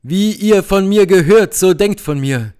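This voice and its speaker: A man's voice: high-pitched, a little slow, a little mellow, clear, resonant tone, pitched above the performer's own voice. A man voicing a gallant young nobleman, earnest and devoted, speaking in vowing declarations in an audiobook. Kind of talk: audiobook character reading.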